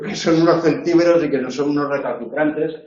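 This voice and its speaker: Spanish-accented male lecturer, slightly high voice, explains with dry humour and many "eh"s, recorded far off-mic in an echoey classroom. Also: a little fast, a little mellow. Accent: Spain. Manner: explanatory, wry asides, frequent "eh" fillers. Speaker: university lecturer. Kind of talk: lecturing on spelling rules. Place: classroom tutorial. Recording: echoey room, voice off-mic, dull lo-fi sound.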